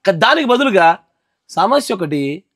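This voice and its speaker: A man's voice: sits high, big pitch swings, a little slow, a bit bright, no echo, clean studio sound. A male pastor giving an emphatic sermon at a house gathering, often checking that his listeners follow.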